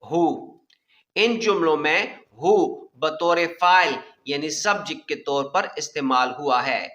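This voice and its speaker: A male teacher giving a bilingual grammar lesson, reading English examples very slowly and translating them quickly in Urdu. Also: on the high side, pushed and bright, reverberant.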